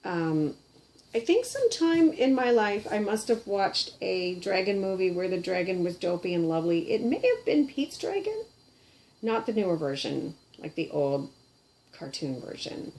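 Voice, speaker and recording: A woman's voice: medium pitch, very animated, moderate pace, a little mellow. A middle-aged woman with a Canadian accent, chatting casually and giggling as she shows off her puppets at her kitchen table. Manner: chatty, giggly, self-deprecating. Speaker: puppeteer and vlogger. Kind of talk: casual show-and-tell chat.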